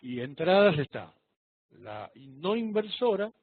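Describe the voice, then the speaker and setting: Rioplatense teacher on a tinny call. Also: male voice, high-pitched, very animated, a little slow, husky, dry recording. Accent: Rioplatense Spanish. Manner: informal, direct explanations. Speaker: electronics teacher. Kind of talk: live online class. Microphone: video call. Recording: tinny video call audio.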